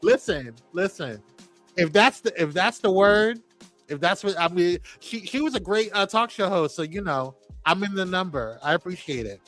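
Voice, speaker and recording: A man with a high, ringing voice hosts a live-stream show. He greets his viewers by name and banters playfully, and faint music plays behind him. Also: lively intonation, normal speed, fairly bright tone. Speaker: host.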